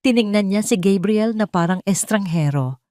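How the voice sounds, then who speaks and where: Mellow and medium-pitched, a woman's voice moves at normal speed through a scripted romantic drama, told solemnly and melodramatically. The Filipino-accented storyteller is recorded in clean studio sound free of echo.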